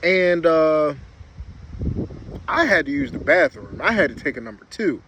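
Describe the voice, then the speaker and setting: A slightly high-voiced man chats casually to his viewers over noticeable background noise with vehicle sounds. His speech is a little muffled, as from a lip full of dip, and he tells his stories in a loose, rambling, informal way. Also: very animated, unhurried, fairly bright tone. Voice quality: slightly muffled articulation from a lip packed with chewing tobacco. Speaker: vlogger. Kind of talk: casual storytelling chat to camera.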